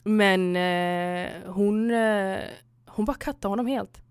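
A woman chats casually and retells a story, voicing each person in turn and dropping English phrases into her speech. Her voice is smooth and clear. The recording is dry and close, with no room sound. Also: mid-range voice, dry recording. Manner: retells stories acting out both sides, mixing in English phrases. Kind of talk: casual chat.

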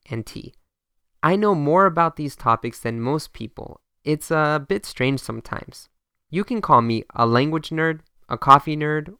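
A man's voice: medium pitch, a bit bright, clear, resonant tone, no room sound, studio quality. Man teaching a bilingual lesson. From United States. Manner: explains in Japanese then repeats in English, friendly and upbeat. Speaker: podcast language teacher.

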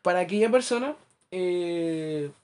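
A man with a Chilean accent chatting casually as a podcast co-host, acting out his anecdotes with lively asides. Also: high voice, measured pace, clear, resonant tone. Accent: Chilean Spanish. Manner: animated storyteller, acts out anecdotes, laughs at his own jokes. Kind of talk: casual chat.

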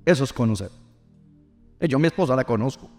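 A man's voice: mid-range voice, animated, quick pace, a little mellow, faint music behind. A middle-aged man, preaching a sermon and drawing call-and-response from the congregation. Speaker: pastor.

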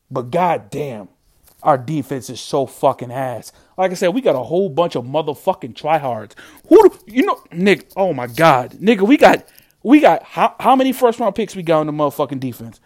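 With a slightly high, darkish voice, this man vents his anger over his football team's losing run. He's upset, swearing freely and circling back to the same complaints again and again.

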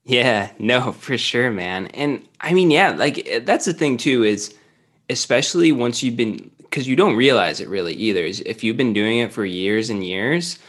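A man's voice: mid-range voice, animated, moderate pace, fairly bright tone. A man talking as a podcast guest in casual conversation, hesitant and full of fillers as he thinks aloud. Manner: hesitant, many fillers and restarts.

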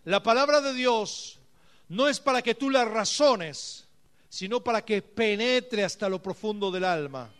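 High-voiced man preaching with fervor. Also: animated, measured pace. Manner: impassioned preaching, dropping to hushed tones then shouting. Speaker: pastor. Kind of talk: sermon. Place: speaking at a live congress.

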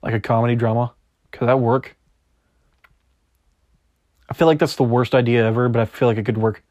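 A man's voice: mid-range voice, little pitch movement, brisk, a little mellow, no echo, lo-fi sound. Chatty young man, dry close mic. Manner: rambling, self-correcting, chatty. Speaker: podcast host. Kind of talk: solo podcast sports chat, reading news aloud.

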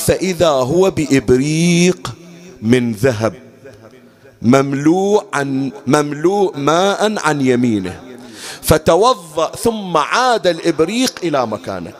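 A man preaching a sermon, his voice pitched high and swinging widely up and down. He poses rhetorical questions to the gathering and lifts certain phrases into a melodic chant.

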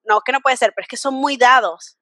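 A Venezuelan woman with a high voice hosts a relaxed podcast conversation. She tells stories with lively energy and breaks into laughter often, all recorded close and dry. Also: a little fast, dry recording. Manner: animated storyteller, laughs often. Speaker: podcast host. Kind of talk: casual podcast chat.

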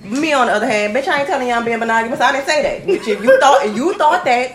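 Woman co-host, blunt, profane, laughing, swooping lively pitch, echoey room. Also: quick pace. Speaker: podcast co-host. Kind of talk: casual podcast chat. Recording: roomy echo.

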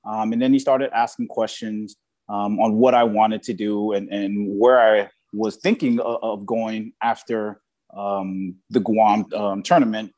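A man's voice: on the low side, flat delivery, a little slow, darkish tone. A young man from Samoa, a former college baseball player, telling his story in an interview with many fillers and restarts. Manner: hesitant, many fillers and repeated words.

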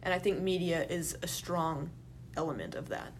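A woman's voice: on the low side, moderate pace, a little hiss or hum. Chatty young woman podcast co-host. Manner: chatty, says "like" and "you know" a lot. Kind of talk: casual film chat.

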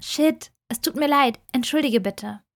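A woman's voice: sits high, measured pace. A woman voicing a puzzled young male student, the first-person lead of an audiobook romance. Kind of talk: audiobook reading.

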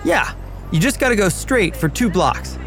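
A man playing a friendly local giving directions in a relaxed, casual way, over light background music and street traffic. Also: high-pitched, measured pace, exaggerated voice. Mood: helpful.

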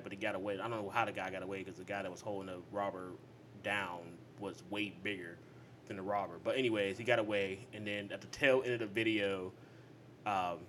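A man's voice: lowish voice, fairly bright tone, slight background noise. Profane young man telling a story. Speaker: podcast co-host. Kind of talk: casual podcast banter.

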